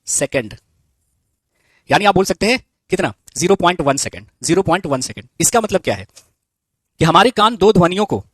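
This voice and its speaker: A man teaching a physics lesson, asking questions and answering them himself, and repeating key terms slowly. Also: high voice, dry recording. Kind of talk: live online physics lesson.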